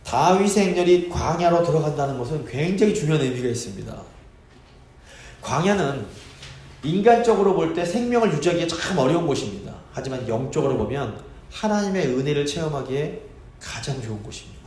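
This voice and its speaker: A male pastor preaching a Bible study sermon, expressive and asking the congregation rhetorical questions. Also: a little high, brisk, echoey room. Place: church sanctuary.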